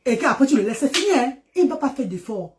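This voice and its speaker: A woman's voice: sits high, big pitch swings, fast talker, a little hiss or hum. A middle-aged woman from Central Africa, hosting a live stream and talking to her viewers in an affectionate, preachy way, urging them on with lots of repetition.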